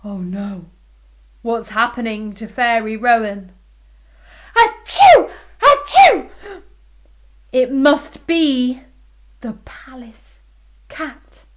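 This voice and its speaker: A woman telling a story to small children, playful and expressive, dropping into whispers and sound effects. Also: a little high, takes it slowly. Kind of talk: storytelling for under-fives.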